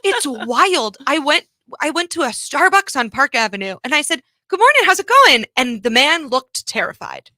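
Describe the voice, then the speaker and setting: A comedian and author from Missouri chats as a radio guest. She tells her stories in an animated way, full of quick asides. Her voice sits fairly high and sounds bright, and the studio mic keeps it dry. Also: no echo. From Missouri, USA. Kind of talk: casual radio interview chat.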